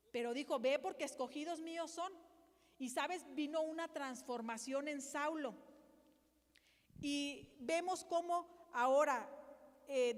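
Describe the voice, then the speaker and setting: A woman's voice: high voice, big-room sound. A woman pastor preaching a sermon, reading Bible verses aloud and putting direct questions to her listeners.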